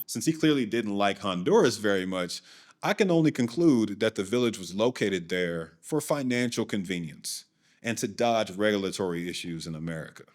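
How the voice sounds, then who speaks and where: This documentary host has a fairly low, expressive voice and speaks at a moderate pace. He narrates from a script, slipping in dry, sardonic remarks.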